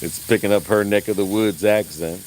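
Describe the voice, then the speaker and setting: A man's voice: on the low side, moderate pace, a little mellow, a little hiss or hum, rough recording. A man chatting casually and rambling while he shows his garden outdoors on a live stream. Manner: rambling, chatty, laughs often, folksy. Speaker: vlogger.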